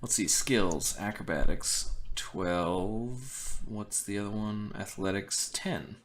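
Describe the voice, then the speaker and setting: A man narrating as game master, relaxed and amused, explaining rules with fillers. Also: on the low side, slow pace, slight background noise.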